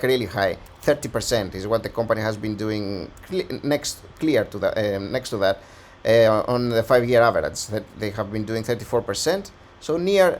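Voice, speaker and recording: A man who is slightly hoarse, host of a stock analysis channel, talking through a valuation in a conversational, think-aloud way. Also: medium pitch. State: slightly hoarse, losing his voice. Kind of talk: casual stock analysis walkthrough.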